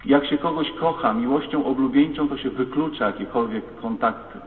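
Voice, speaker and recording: A man's voice: medium pitch, moderate pace. Man, priest, emphatic sermon, distant mic, thin phone-like sound. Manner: emphatic, rising to loud declamation. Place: church. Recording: echoey church heard from far, phone-like sound.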